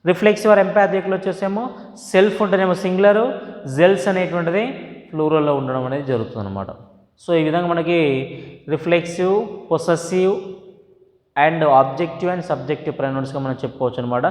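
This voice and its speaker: A man with a Telugu accent giving a class lecture, switching between Telugu and English and slowly repeating each definition. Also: a little high. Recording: echoey room with long reverb.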